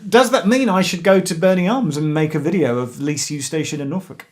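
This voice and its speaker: A man's voice: on the high side, a little fast. A man with a London accent hosting a casual livestream, rambling and laughing often. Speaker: railway YouTuber host.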